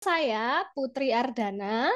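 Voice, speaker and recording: An Indonesian woman hosts a conversational interview. Her voice is on the high side and her pace is slow, with a polite way of putting questions. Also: animated, fairly bright tone. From Malang, Indonesia. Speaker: podcast host.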